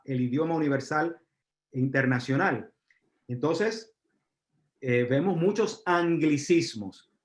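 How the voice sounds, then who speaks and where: A man from Puerto Rico with a Puerto Rican accent, giving a live university lecture, pausing on fillers and asking the audience questions. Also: fairly high pitch. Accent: Puerto Rican Spanish. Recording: roomy, dull lecture recording.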